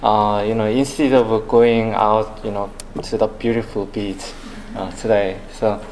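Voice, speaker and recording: A man's voice: on the low side, level tone, measured pace, a little mellow, a little hiss or hum, rough recording. A man opening a conference talk, hesitant, with many fillers. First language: Korean. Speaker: conference speaker. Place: conference room.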